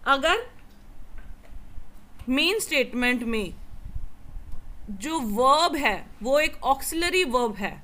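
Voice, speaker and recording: A young woman with an Indian accent teaching English grammar. She reads each rule slowly in English and then explains it quickly in Hindi. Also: high-pitched, animated, bright, forceful tone, a little hiss or hum. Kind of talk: classroom lesson explaining grammar.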